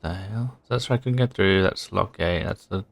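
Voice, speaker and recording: A man's voice: low voice, normal speed, vocal fry, no room sound. A man casually commenting while playing a horror video game, muttering his thoughts aloud with a wry edge. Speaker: gaming channel host. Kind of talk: casual let's-play commentary.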